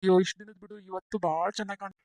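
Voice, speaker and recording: A woman with a North Karnataka accent voicing a smug cheating husband who flatters his lover and mocks his wife. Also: mid-range voice, rapid-fire, dry recording, studio quality, lightly acted. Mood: smug flattering. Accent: North Karnataka Kannada. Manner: flattering, boastful. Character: smug cheating village husband, sweet-talking and boastful.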